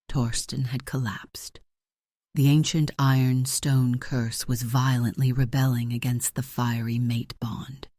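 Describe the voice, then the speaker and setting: A man narrating a paranormal romance audiobook in a steady, dramatic storytelling manner. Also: mid-range voice, no room sound, studio quality.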